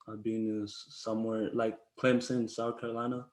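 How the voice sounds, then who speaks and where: A man's voice: fairly low pitch, little pitch movement, moderate pace, a little mellow, echoey room. A man in his twenties from the Congo, a podcast guest talking casually and rambling, with slang and frequent restarts. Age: 20s. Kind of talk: casual conversation.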